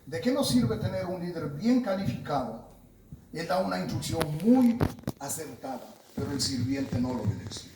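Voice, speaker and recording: A man from Peru with a Peruvian Spanish accent, giving a spiritual talk and telling stories about his teachers. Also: moderate pace. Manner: storytelling, quoting his teachers, animated rises in pitch. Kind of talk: sermon. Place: talk in a room in Lima. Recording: roomy, distant mic, noisy background.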